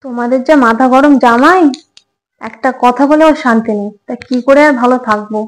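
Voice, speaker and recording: A woman playing a high-voiced coaxing young wife. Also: brisk, close to an everyday voice, poor audio. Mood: placating. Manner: coaxing, apologetic, soothing. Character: anxious young wife, placating her angry husband. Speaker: short-drama actress. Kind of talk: comic home drama acting.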